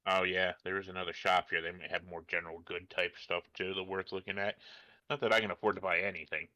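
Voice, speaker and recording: A man's voice: sits low, level tone, quick pace, bright, forceful tone, no echo. A man chatting casually as a player during a tabletop role-playing game. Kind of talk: casual chat.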